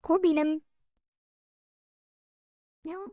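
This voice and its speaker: A woman with a high, mellow voice livestreams her game coding. She thinks aloud in loose half-sentences and talks at an unhurried pace. The sound is close and dry. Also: fairly even intonation, no echo. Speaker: game developer streaming. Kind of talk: casual livestream while coding.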